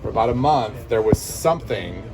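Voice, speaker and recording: A man's voice: lowish voice, animated, normal speed, over music, poor audio. A man in casual chat who listens with short agreeing replies and tells a family story.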